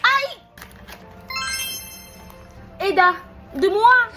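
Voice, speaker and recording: A woman's voice: very high voice, animated, takes it slowly, bright, forceful tone, soft background music, heavily acted. A woman playing a naive, eager young girl with an Egyptian accent who asks wide-eyed questions in a comedy sketch. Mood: curious. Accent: Egyptian Arabic.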